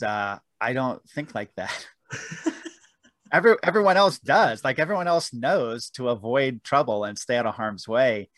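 A man's voice: medium pitch, a bit bright, no room sound. A man guest telling rambling, self-deprecating stories about his book in a casual interview, with frequent restarts. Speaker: author guest.

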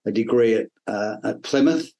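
The guest is a middle-aged neuroscience professor with an English accent from the north and Midlands of England. In a fairly low, mellow voice, he offers thoughtful, hesitant and measured explanations in an academic interview.

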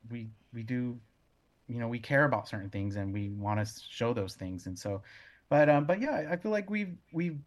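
A man being interviewed as a brewer, explaining casually in a halting way as he searches for words. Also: mid-range voice, lively intonation.

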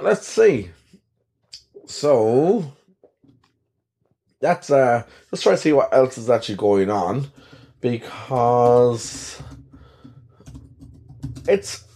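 In a casual solo podcast, a man from Ireland rambles along self-deprecatingly as host. His voice is soothing, mid-range and a little mellow.

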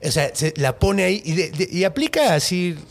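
A man's voice: sits high, moderate pace, vocal fry. A man with a Mexican accent hosting a podcast, telling a story casually with lots of slang and swearing. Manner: slangy, profane, animated. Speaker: podcast host.

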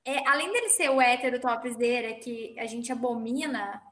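A woman with a high, bright voice chats casually, telling stories with dramatic flair. She sounds like a teacher among friends, and her voice carries a roomy echo. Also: normal speed. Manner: animated, dramatic storytelling. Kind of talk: casual chat.

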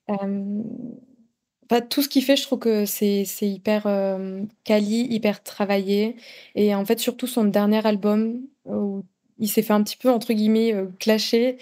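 A French-accented woman with a dark, mid-range voice appears as a podcast guest and content creator. She chats casually in the interview, using many fillers and often restarting her sentences.

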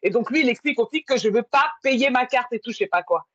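Husky-voiced woman telling a story. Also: fairly high pitch, animated, fast, fairly bright tone, no echo. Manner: storytelling with many fillers. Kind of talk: casual conversation. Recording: muffled lo-fi sound.

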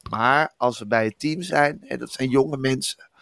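A man co-hosting a podcast, answering in deadpan comic banter. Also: medium pitch, vocal fry, dry recording, clean studio sound. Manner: deadpan, agreeable, quick replies. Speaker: podcast co-host.

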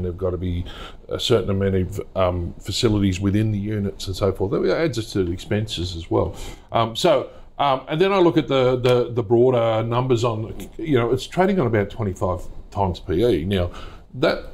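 A man's voice: fairly low pitch, moderate pace, darkish tone, slight background noise. A man giving casual stock analysis, thinking aloud with lots of restarts. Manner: rambling, many fillers and restarts as he reasons aloud.

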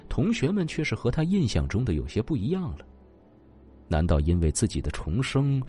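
A man narrating a web novel in an expressive storytelling manner. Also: lowish voice, slightly rough, no echo. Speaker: audiobook narrator.

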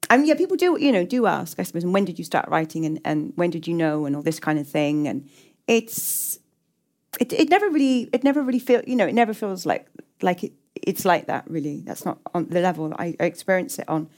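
Speaking a little fast and very animatedly, this middle-aged woman from England has a fairly low, slightly mellow voice and an English accent. As a writer she gives reflective interview answers, hesitant and often restarting or repeating words.

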